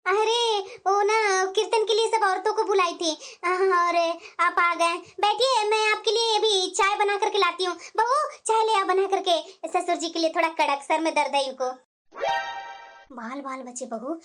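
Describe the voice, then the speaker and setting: Woman with a very high voice carrying a cartoon family story, voicing both women, expressive. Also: moderate pace, few pauses. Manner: expressive, switching between two figures. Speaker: voice actor voicing mother-in-law and daughter-in-law.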